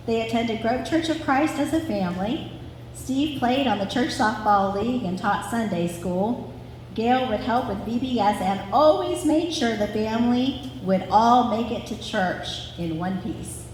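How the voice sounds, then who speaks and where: An Ohio woman in her forties, the daughter at an anniversary event, reads a family story aloud, adding informal asides to the scripted narration. Her voice is higher, with lively intonation, an unhurried pace, and a darkish tone. She's captured in a large, reverberant hall at a live gathering, sounding distant, echoey, and clearly noisy.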